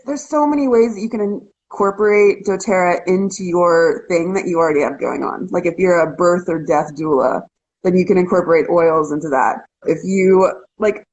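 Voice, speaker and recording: A woman co-hosting a casual live chat, talking quickly and loosely, laughing often and restarting her sentences. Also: on the low side, a little mellow, lo-fi sound. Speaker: co-host.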